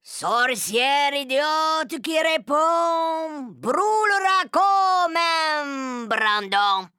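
A woman's voice: high voice, animated, very slow, sharp tone, dry recording, clean studio sound, heavily acted. A woman playing a tyrannical, furious female witch leader who shrieks orders and chants threats in an audio drama. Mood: menacing.

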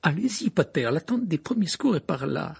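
Guy doing a strict old lady teacher, brisk, high voice. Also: big pitch swings, vocal fry, husky, full character voice. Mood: urging. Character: stern older woman professor.

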